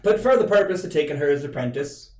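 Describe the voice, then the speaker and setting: Gruff old navy sea captain, played by a man, persuasive haggler for tabletop role-play, echoey sound. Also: a little high, animated, fast, a little mellow, lightly acted. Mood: haggling, persuasive. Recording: roomy echo.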